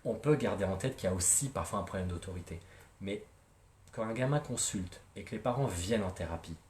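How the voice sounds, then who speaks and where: A man's voice: sits low, lively intonation, brisk, darkish tone, a little hiss or hum. A man, a psychologist, talking casually and animatedly on a live show, joking and using slang. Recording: echoey room.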